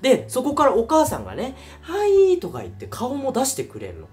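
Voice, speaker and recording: A man's voice: very high-pitched, fast, faint music behind. A man retelling a horror film in a casual review monologue, acting out scenes with sound effects and voices. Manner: animated storytelling with sound effects and acted voices.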